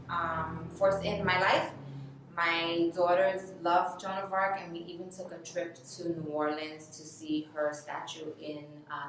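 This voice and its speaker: A woman's voice: fairly low pitch, fairly bright tone, a little hiss or hum. Sincere woman reading a prayer. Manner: sincere, a little hesitant with ums. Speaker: guidance department staff. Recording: very echoey room, voice from a distance.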